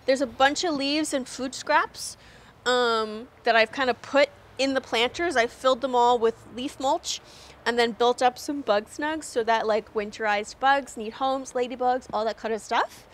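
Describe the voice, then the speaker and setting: A young Canadian woman gives a chatty, upbeat walking tour of her snowy backyard garden, laughing often as she talks into a lapel mic outdoors. Her voice sits high at a moderate pace, with a little hiss or hum in the audio.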